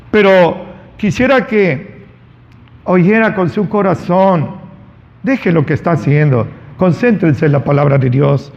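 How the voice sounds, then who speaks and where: A male pastor preaching a sermon, retelling a story dramatically with long pauses and sudden stresses. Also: a little high, big-room sound, dull audio.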